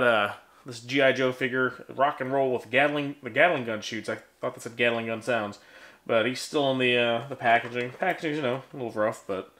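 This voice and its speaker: A man's voice: mid-range voice, bright, forceful tone. A man in his thirties casually talking through a box of vintage toys as host of his collecting channel, rambling and joking at his own expense with lots of ums. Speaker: toy collector vlogger. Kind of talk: casual unboxing chat. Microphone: handheld camera, then on a tripod. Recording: faint background noise.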